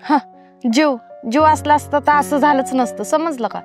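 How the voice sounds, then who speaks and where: An actress playing a married lover who is fed up and ends the affair with curt, dismissive replies. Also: female voice, high voice, moderate pace, faint music behind, lightly acted. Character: fed-up married mistress, sharp-tongued. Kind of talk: comedy film acting.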